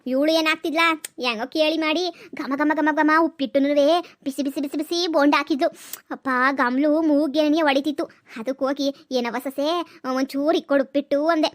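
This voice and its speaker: A woman's voice: high voice, fairly even intonation, natural voice. A woman voicing a greedy, gossipy old village grandmother who rambles on about food in a cartoon comedy. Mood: rambling. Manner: rambling, drawn-out, food-obsessed chatter.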